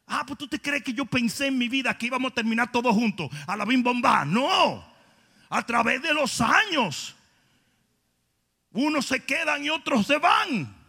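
A male pastor, preaching an emphatic sermon, often shouting and throwing in jokey asides. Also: very high voice, animated, normal speed, vocal fry, breathy edge, big-room sound.

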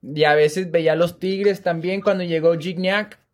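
A man, co-hosting a casual soccer chat podcast in a relaxed, chatty way with lots of fillers. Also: fairly high pitch, unhurried. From Monterrey, Mexico. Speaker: podcast co-host.

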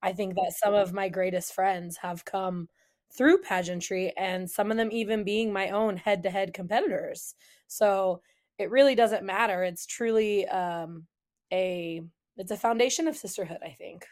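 A woman's voice: mid-range voice, normal speed. A young adult woman from California hosting a podcast, chatting enthusiastically and agreeing readily with her guest. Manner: enthusiastic, agreeable, warm-hearted gushing. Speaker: podcast host. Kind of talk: casual podcast chat.

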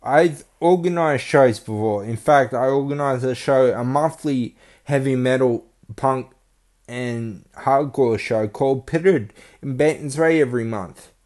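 A man's voice: medium pitch, a little slow, darkish tone. A man hosting a podcast, talking in a blunt, profane way with lots of "uh" fillers. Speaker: podcast host. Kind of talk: casual podcast monologue.

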